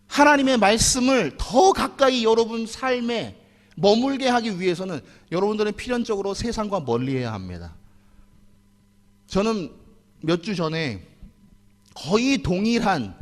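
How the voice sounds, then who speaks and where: A man, the pastor, preaching a sermon in a church and addressing the congregation directly. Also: high-pitched. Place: church sanctuary. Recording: long hall reverb.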